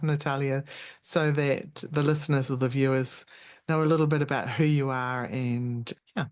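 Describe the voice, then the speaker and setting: A woman hosting a podcast interview, friendly and chatty, laughing easily. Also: extremely low pitch. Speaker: podcast host.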